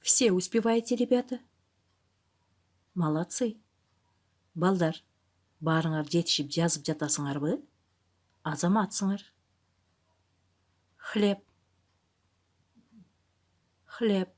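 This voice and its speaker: A woman primary school teacher dictating to young pupils in a deliberate, instructive way, enunciating and repeating each word. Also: fairly low pitch, darkish tone.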